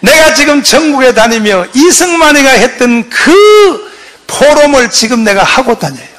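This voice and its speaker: A man, a pastor giving an impassioned public lecture, who shouts often and fires rhetorical questions at his audience. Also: very high-pitched, very animated, measured pace, background noise.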